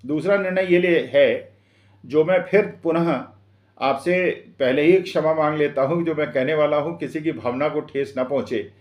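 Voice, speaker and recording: A man from Uttar Pradesh with an eastern Uttar Pradesh Hindi accent, giving an earnest, measured opinion monologue. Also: fairly high pitch, a little mellow, reverberant. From Uttar Pradesh, India. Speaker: commentator.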